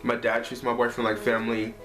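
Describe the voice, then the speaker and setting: A vlogger in his twenties tells a personal story to camera from his apartment, sounding casual and heartfelt and leaning on "like" and "you know." His mid-range voice is monotone and fast. The room is echoey, with faint music in the background.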